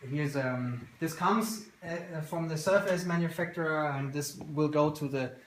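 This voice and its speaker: On a workshop tour, the company founder, a thirties-aged man with a German accent, talks informally about what he does, pausing often to find words. His pitch sits on the high side and he speaks a little slowly. Filmed indoors in a small workshop by a handheld camera a couple of metres away, the audio is roomy, with clicks and background noise.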